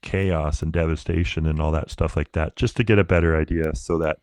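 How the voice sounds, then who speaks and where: Deep voiced canadian guy, chill rambling storyteller, dry close sound. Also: steady tone, fairly quick, darkish tone, no echo. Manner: laid-back storyteller, many fillers. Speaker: podcast guest, Paralympic athlete. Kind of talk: casual interview chat.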